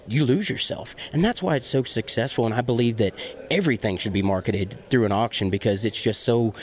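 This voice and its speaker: An American man from Virginia, an auctioneer, giving earnest answers as an interview guest. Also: on the low side. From Virginia, USA.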